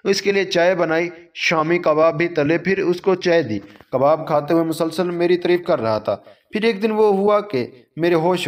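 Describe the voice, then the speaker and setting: A man giving a scripted narration of a moral story, with a steady, even storytelling delivery. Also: a little high.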